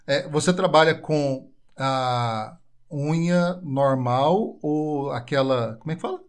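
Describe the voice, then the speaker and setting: A man's voice: on the high side, slow, clear, resonant tone. A man with a Goiás Brazilian accent hosting a podcast, chatting casually, joking and rambling. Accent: Goiás Brazilian Portuguese. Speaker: podcast host. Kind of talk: casual interview chat.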